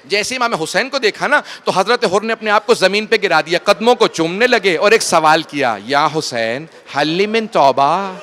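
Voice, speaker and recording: A man's voice: high voice, hardly any pauses, bright, forceful tone, slight background noise. A male religious scholar delivering a Muharram majlis sermon with emotional, declamatory storytelling.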